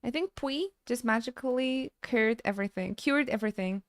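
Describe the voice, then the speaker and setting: A woman game streamer chatting casually with her live audience, halting and stammering as she thanks viewers between frequent laughs. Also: on the high side, no room sound, clean studio sound.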